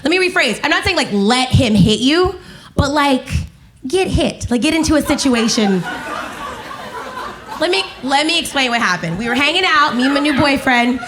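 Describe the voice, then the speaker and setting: A woman in her twenties performing a stand-up comedy set on a club stage, animated and acting out other people's voices. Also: high voice, normal speed, a crowd in the background, background noise.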